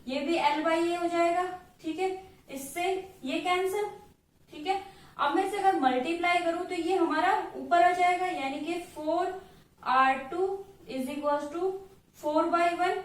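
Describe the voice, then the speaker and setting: High-voiced Indian woman teaching from afar. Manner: patient, checks in with "theek hai" after each step, writes out formulas slowly. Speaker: physics teacher. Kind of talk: explaining a worked example in a lesson. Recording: echoey room, voice far from the mic.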